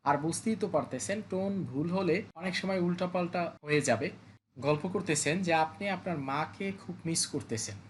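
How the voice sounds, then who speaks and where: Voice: medium pitch, slight background noise. A language teacher gives a recorded lesson, patiently modelling each sound and repeating it. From Bangladesh.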